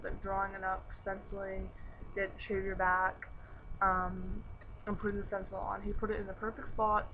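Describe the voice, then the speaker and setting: A young woman talks through a dental retainer in a casual, candid vlog style, with little rise and fall in her voice. The recording is narrow and lo-fi, with clear background noise. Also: medium pitch. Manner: slightly impeded speech from wearing a dental retainer. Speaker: vlogger. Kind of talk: casual chat to camera. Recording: noisy, dull narrow-band home recording.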